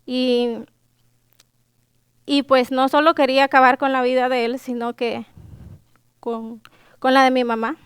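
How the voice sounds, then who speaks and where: High, slow Salvadoran woman telling her story. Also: flat delivery, clear, resonant tone, no room sound, clean studio sound. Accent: Salvadoran Spanish. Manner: hesitant, many fillers and restarts; emotional, holding back tears. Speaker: guest sharing her life story. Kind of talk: personal testimony.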